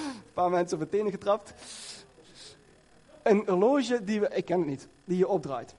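A man's voice: sits high, expressive, a little slow, long pauses, a little mellow. A man preaching a sermon in a church, telling stories in a loose, conversational way with many fillers and restarts.

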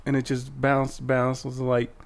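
A man's voice: medium pitch, monotone, normal speed, creaky. A man co-hosting a podcast, laid-back and giggly in casual banter. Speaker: podcast co-host.

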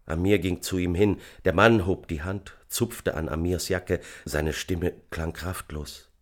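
A man reading an audiobook in a measured, dramatic narration. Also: low-pitched, steady tone. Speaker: audiobook reader. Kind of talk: scripted narration.

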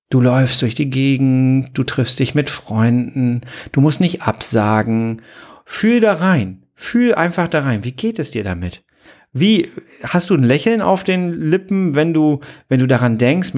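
A man's voice: medium pitch, darkish tone. A man hosting a motivational podcast, talking earnestly and coaching the listener directly. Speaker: podcast host.

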